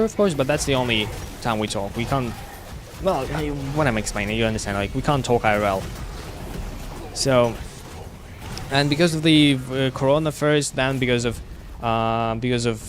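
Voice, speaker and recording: Halting man chatting over background noise. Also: mid-range voice. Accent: slight British-sounding English, learned at school. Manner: halting, with frequent restarts and fillers. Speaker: game streamer. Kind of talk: casual chat while gaming live.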